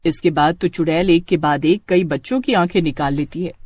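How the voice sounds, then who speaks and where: A storyteller giving steady, dramatic scripted narration for a cartoon story. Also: medium pitch, fairly quick, no echo.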